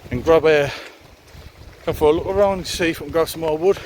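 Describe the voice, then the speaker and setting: A man with a slightly higher-than-average voice talks casually as he hikes. His delivery is wry and laid-back, with some swearing. It is recorded outdoors, with some wind and background noise. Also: a little fast, darkish tone. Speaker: hiking vlogger. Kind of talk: casual chat to camera while hiking. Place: outdoors on a wet, windy hiking trail. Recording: noisy, windy outdoor walking recording.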